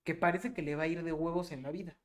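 Animated Mexican man telling a story. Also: on the high side, fast. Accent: Mexican Spanish. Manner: animated storytelling, swearing freely. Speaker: podcast co-host. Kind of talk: casual chat.

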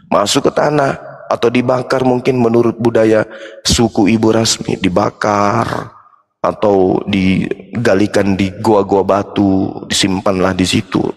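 A man preaching to an audience in a lively, mocking way, acting out voices as he talks. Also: lowish voice, big-room sound. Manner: animated, mocking, acts out voices. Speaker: Islamic preacher.

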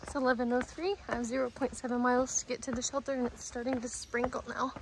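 A woman hiker talking casually to her phone camera as she walks a forest trail, thinking aloud in a relaxed way. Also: a little high, quick pace, noisy background. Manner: relaxed, chatty, thinking aloud while walking. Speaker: long-distance hiker vlogging. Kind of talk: casual spoken trail diary.

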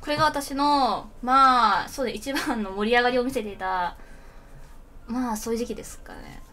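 A woman in her twenties, a streamer telling a story in casual chat, animated and often laughing. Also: a little high, normal speed.

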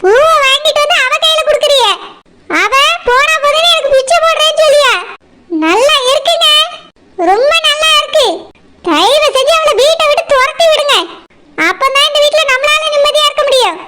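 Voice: a little fast, sharp tone. A voice actor playing a jealous, bitter first wife in a cartoon, middle-aged village woman with a Tirunelveli Tamil accent. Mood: scolding. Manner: shrill, scolding and bitter.

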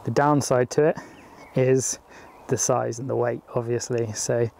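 Relaxed British man, gravelly and flat. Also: medium pitch, measured pace, a little hiss or hum. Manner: relaxed, hesitant with frequent ums. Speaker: astrophotography YouTuber. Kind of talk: casual vlog talk to camera. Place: outdoors in his garden.

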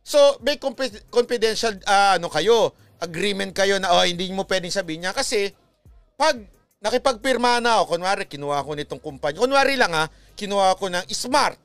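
A man's voice: high voice, animated, normal speed, fairly bright tone, dry recording, soft background music. A man giving casual comic commentary on clips, joking and chatting with his viewers.

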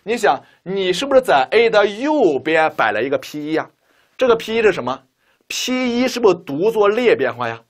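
A man's voice: high voice, very animated, moderate pace. A man teaching a linear algebra lecture, walking students through each step with rhetorical questions. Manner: keeps asking rhetorical questions, talks students through steps. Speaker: math teacher.

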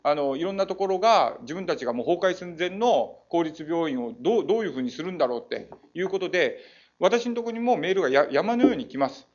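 A man with a Saga accent answers as mayor, making emphatic and persuasive appeals to the council. He talks fast and his pitch swings widely. The audio is a muffled lo-fi council chamber feed. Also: expressive.

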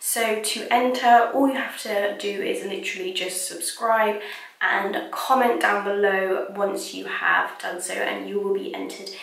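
A woman's voice: mid-range voice, fairly even intonation, measured pace, creaky, a bit bright, recorded from a distance. A young woman reviewing skincare in loose, chatty vlog talk, full of "like" and "kind of". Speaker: beauty vlogger. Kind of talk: casual skincare review chat. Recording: echoey room, mic set back.

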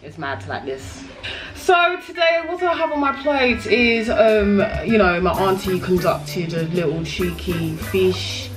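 A woman's voice: mid-range voice, animated, measured pace, over music. A young woman with a London accent chatting casually in a vlog, slangy and swearing freely. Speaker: vlogger. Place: home kitchen.

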